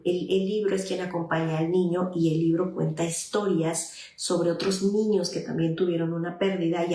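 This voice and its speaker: Woman, child psychologist, live parenting advice, fillers and restarts, roomy echo. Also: fairly low pitch. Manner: warm explanatory, answers viewer messages, frequent fillers and restarts. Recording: echoey room.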